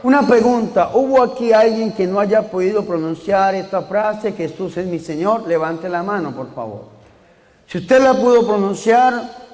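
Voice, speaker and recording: A man with a very high voice preaches a sermon, calling out to his congregation and rising into shouts. His words ring out with the long reverb of a big church hall. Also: moderate pace. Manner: calls the congregation to repeat and answer, building to shouts.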